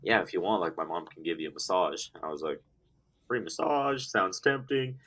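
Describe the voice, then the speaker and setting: A man's voice: extremely low pitch, fairly even intonation, quick pace, a bit bright, husky. A young man co-hosting a casual chat, talking in a laid-back way with lots of filler words. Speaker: podcast co-host.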